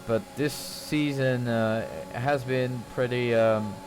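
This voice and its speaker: Hesitant male motorsport commentator, medium pitch. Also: steady tone, slow pace, background noise. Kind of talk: live conversational race commentary.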